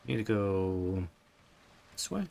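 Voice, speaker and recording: Low-voiced man chatting over gameplay. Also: very animated, slow pace, gravelly, mellow, slight background noise. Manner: rambling, chatty, trails off mid-thought. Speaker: gameplay streamer. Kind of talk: casual gameplay commentary.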